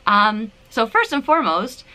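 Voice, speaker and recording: Speaking a little slowly but very animatedly, a Canadian vlogger in her thirties chats to the camera from inside her apartment. Her voice is on the high side and sharp in tone, and she comes across as giggly and self-deprecating.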